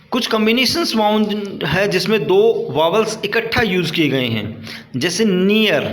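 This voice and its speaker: High-voiced man teaching slowly. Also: fairly bright tone, roomy sound. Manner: reads English lines slowly, then explains in Hindi; asks questions and answers them himself. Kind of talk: online class lecture.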